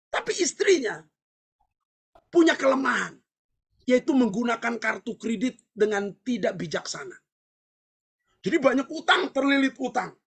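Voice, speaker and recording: Pastor pria berkhotbah dengan lantang. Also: male voice, very high-pitched, normal speed, pauses often, breathy edge. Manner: animated, shouting and laughing between points. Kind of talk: sermon.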